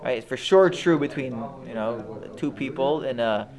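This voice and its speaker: A man's voice: mid-range voice, lively intonation, moderate pace, a crowd in the background. A man teaching about the Passover Seder to a listener, earnest and repeating himself, mixing in Hebrew terms. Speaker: Torah teacher. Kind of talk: explaining Passover Haggadah to a listener.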